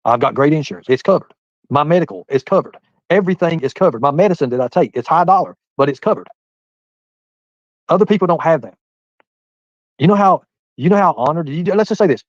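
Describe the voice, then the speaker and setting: Fast-talking man in his forties. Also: fairly high pitch, expressive, no room sound, muffled recording. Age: 40s. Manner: rambling, talks straight to viewers by name. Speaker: livestreamer reading chat. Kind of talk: casual live-stream chat.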